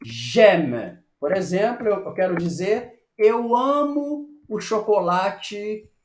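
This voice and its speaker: A man teaching a French lesson, patiently checking with "ok?" and slowing down to model phrases. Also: high-pitched, expressive, a little hiss or hum. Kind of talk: online language lesson. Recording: echoey room.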